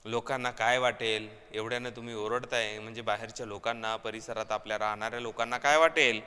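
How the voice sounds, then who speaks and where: A man's voice: fairly low pitch, fairly even intonation, brisk, bright, forceful tone, clean tone, long reverb tail. Man reading the lines of a scolding wife. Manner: scolding, reproachful. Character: scolding wife, middle-aged woman, nagging.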